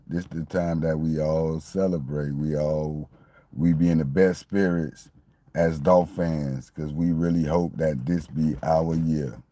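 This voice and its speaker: This is a casual sports talk monologue by a Miami man in his forties, late in the decade, who comments as a fan on his football team. His deep, warm voice repeats and wanders, with no room sound.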